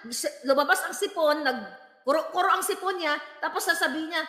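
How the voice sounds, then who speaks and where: A woman's voice: sits high, a little fast, sharp tone. A woman from the Visayas, scolding and mocking in a commentary rant over a video clip. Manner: mocking, scolding, swaps between Tagalog and English. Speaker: political commentary vlogger. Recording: echoey room with long reverb.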